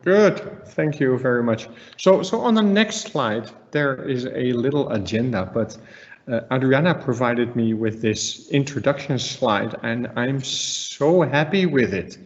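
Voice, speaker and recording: A middle-aged man with a Dutch accent presents slides conversationally as a trainer at home in his living room. His medium-pitched voice is animated and a little slow, and he stresses points emphatically by repeating words. The webinar sound is slightly dull.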